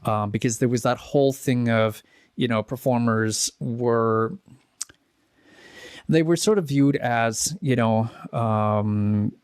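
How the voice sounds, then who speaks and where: Slow and smooth, with a mid-range, darkish voice, a Czech man in his forties appears as a pianist and composer on a casual interview recorded in a studio without echo. He meanders, self-corrects and chuckles as he recounts his stories.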